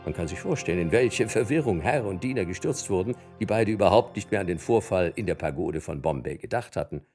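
A man narrating a storybook aloud in an expressive, dramatic reading. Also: low voice, brisk, soft background music.

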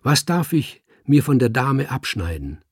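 A man's voice: mid-range voice, big pitch swings, measured pace, breathy edge, dry recording, studio quality, voice pushed up. A man reading a story aloud, voicing a reckless, swooning young male student with an eager, gushing manner.

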